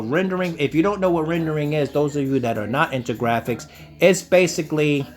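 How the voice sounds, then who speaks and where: A man hosting a crypto video, walking viewers through websites on screen in a self-assured, lecturing way, often saying "ladies and gentlemen" and "okay?". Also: on the high side. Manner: self-assured, calls himself the sensei. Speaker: crypto channel host. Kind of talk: screen-share crypto commentary.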